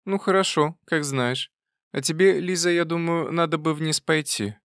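A man's voice: fairly high pitch, fairly even intonation, normal speed, no room sound, studio quality, voice pushed up. Man putting on a bossy old aunt. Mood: fussy. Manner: fussy, chiding, loud.

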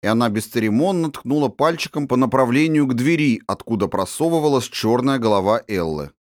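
A man narrating an audiobook in an expressive storytelling manner. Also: mid-range voice, brisk, no echo, studio quality.

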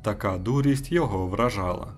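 A man's voice: lowish voice, brisk, soft background music. Man narrating an audiobook.

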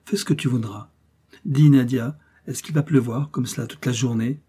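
A man's voice: mid-range voice, fairly even intonation, moderate pace, dark tone, breathy edge, lightly acted. A man reading the lines of a sleepy, indulgent old prince who complains in a plaintive tone.

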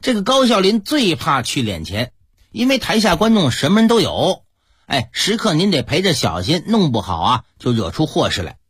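A man's voice: a little high, moderate pace, husky, dry recording, clean studio sound. A man hosting a radio comedy show, narrating an old story between clips. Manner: storytelling tone, lively rise and fall. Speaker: radio host.

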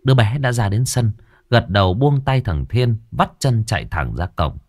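A man narrating a horror story in a lively, dramatic way. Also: medium pitch, moderate pace, no room sound, clean studio sound.

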